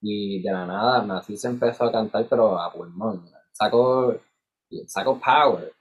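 A man with a husky voice tells stories casually in Spanglish, switching between Spanish and English and acting out dialogue. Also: lowish voice, unhurried, lo-fi sound. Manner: animated filler-heavy storytelling with re-enacted dialogue. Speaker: musician in a band.

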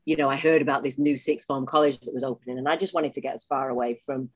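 A woman's voice: rumbling low, fairly even intonation, fast talker, no room sound, studio quality. A woman in her forties with a Mancunian accent, an actress chatting as a podcast guest, enthusiastic and laughing often. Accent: Mancunian English. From Manchester, England. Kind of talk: casual interview chat.

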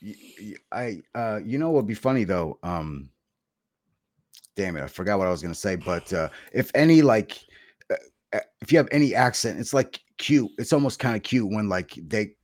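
Young man with a lowish easygoing voice. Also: animated, moderate pace, darkish tone, dry recording, studio quality. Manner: easygoing, laughs often, lots of you know and like. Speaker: podcast co-host. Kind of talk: casual chat.

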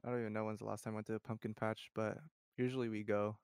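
Smooth, laid-back young man. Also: little pitch movement, racing, no echo, clean studio sound. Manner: low-key, soft-spoken, laid-back. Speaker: podcast co-host. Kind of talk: casual chat.

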